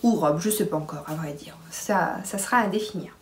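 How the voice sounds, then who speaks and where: A pregnant woman chatting casually to camera about her sewing, with many pauses and restarts. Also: lowish voice, a little hiss or hum. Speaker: sewing vlogger.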